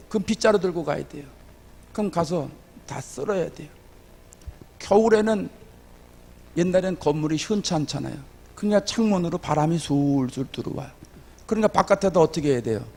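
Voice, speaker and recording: Male guest revival preacher, high-pitched, animated and folksy, swelling to loud emphatic peaks; reverberant church hall. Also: normal speed, vocal fry. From South Korea. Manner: animated storytelling with sudden loud emphatic rises; humorous, folksy asides to the congregation. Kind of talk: revival sermon. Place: church sanctuary.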